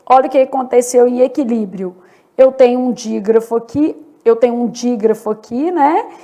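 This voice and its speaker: A Brazilian woman teaching a Portuguese grammar lesson, slow and deliberate, asking questions and answering them herself. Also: fairly high pitch, dark tone. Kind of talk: exam-prep grammar lesson.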